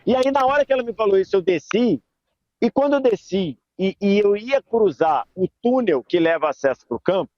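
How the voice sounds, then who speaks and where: A man reporting from the stadium to a sports debate panel, slow and reflective as he recounts what he saw. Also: high-pitched, expressive, darkish tone, no room sound, dull audio.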